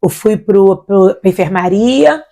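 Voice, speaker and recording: A woman's voice: mid-range voice, slow pace. A middle-aged woman, a missionary guest, telling her personal faith testimony and acting out the voices of the people in it. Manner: animated storyteller acting out quoted voices.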